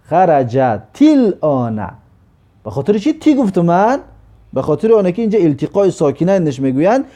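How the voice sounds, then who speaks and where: Teaching Arabic grammar, a man explains things step by step in a warm voice that sits high. He raises questions and then answers them himself, taking the example sentences slowly.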